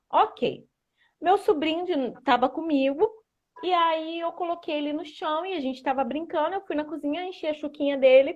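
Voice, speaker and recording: A woman explaining how young children learn and telling a family anecdote in an animated, conversational way. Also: high-pitched, lo-fi sound. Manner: animated, lots of "né".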